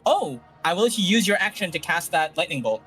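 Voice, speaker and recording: Animated, higher-voiced man running a game. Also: a little fast, husky. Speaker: game master. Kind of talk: casual narration of a tabletop game. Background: faint music.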